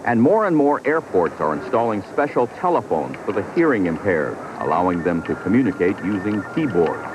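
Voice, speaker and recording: A male reporter narrates a scripted news package in a fairly low, lively voice. Clear background noise runs under the report. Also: a little fast.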